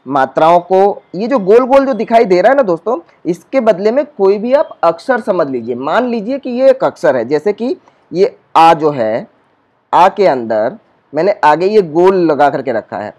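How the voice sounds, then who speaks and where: A male school teacher with an eastern Uttar Pradesh Hindi accent, giving a patient whiteboard lesson that repeats points, asks rhetorical questions and stretches sounds slowly. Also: high voice, very animated, a little mellow.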